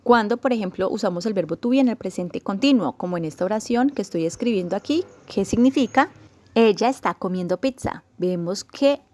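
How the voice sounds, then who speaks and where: A woman teaching an English grammar lesson in Spanish, explaining patiently step by step and slowing down to model example sentences. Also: mid-range voice, animated, a little mellow.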